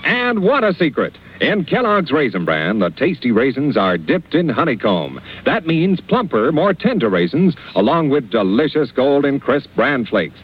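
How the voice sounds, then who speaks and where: A man's voice: medium pitch, very animated, normal speed, hardly any pauses, dull audio, slight background noise. A man reading a radio commercial in an emphatic salesman's manner, heard from an old broadcast disc transcription. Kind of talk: scripted ad read.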